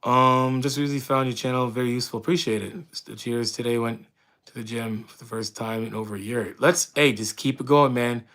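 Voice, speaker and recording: A man's voice: mid-range voice, steady tone, a little fast, a bit bright. Easygoing Canadian man chatting on stream. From Windsor, Ontario, Canada. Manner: loose and friendly, reads chat questions aloud, frequent fillers and restarts. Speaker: fitness streamer answering chat. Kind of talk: casual live-stream chat.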